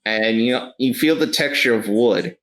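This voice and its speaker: Man running a tabletop game, halting. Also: mid-range voice, a bit bright, rough recording. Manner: hesitant, many fillers, voices other figures in quick asides. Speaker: game master.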